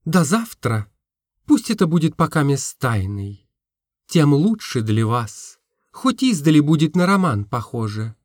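A man voicing a frank, earnest young woman who gently teases, in an audiobook reading. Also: on the high side, sing-song, measured pace, dry recording, studio quality. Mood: earnest confiding. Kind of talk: audiobook character voice.

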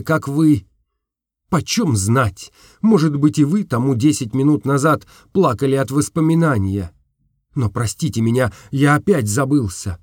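A man's voice: medium pitch, no room sound. Guy narrating a story in first person, dreamy and emotional, dry close sound. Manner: emotional, dreamy, expressive reading.

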